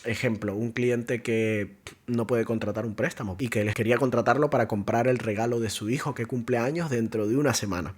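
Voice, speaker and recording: A man's voice: medium pitch, a little fast, husky. A man teaching an online course lesson as a contact center trainer, explaining step by step, acting out short agent lines and asking rhetorical questions.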